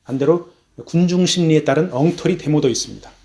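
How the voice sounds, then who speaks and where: Male preacher, sermon, slightly high voice, emphatic rises and soft drops, slows for emphasis. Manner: emphatic, rising on key words then dropping low; measured, slows down for stress. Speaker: missionary preacher.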